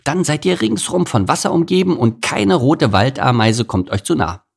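A man's voice: a little high, lively intonation, normal speed, creaky, slightly rough, pitched above the performer's own voice, full character voice. A man voicing a cheerful, boastful male beaver who thinks he is a hero, in a storybook reading, chirpy and self-satisfied.

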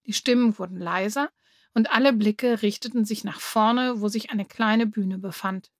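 A woman calmly narrating a children's story. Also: mid-range voice, normal speed, no echo, studio quality. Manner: calm, clear storytelling. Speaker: reader.

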